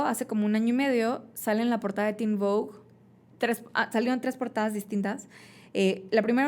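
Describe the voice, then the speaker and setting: A young adult woman with a Mexican accent, a podcast guest telling stories in casual chat and acting out the voices of the people in them. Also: mid-range voice. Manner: animated storyteller, acts out quoted voices.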